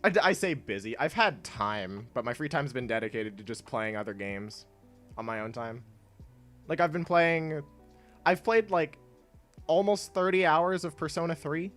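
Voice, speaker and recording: A congested young man chatting in a low-key, rambling way while streaming a game, laughing often. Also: lively intonation, moderate pace. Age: young adult. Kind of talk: casual gameplay stream chat. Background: quiet game music.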